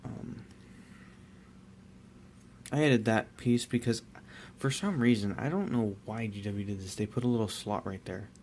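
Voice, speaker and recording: A young man casually talking through his hobby work, rambling and relaxed with many fillers and restarts. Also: fairly low pitch, measured pace, slight background noise. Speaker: miniature painter.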